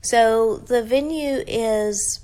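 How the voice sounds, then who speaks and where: A woman's voice: on the high side, very slow, dark tone. Woman podcaster in a big echoey room. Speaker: podcast host. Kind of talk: casual chat. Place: big cavernous indoor room.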